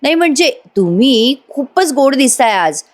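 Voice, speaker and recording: A woman doing a young wife who is hopeful and devoted, talking cheerfully and coaxingly, her voice fairly high. It stays close to her own voice. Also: sing-song, normal speed.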